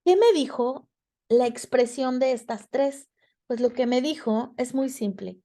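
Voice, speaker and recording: A woman's voice: high voice, unhurried, mellow. A woman with a Mexican Spanish accent giving a reflective talk to students about emotions, speaking expressively and acting out quoted dialogue.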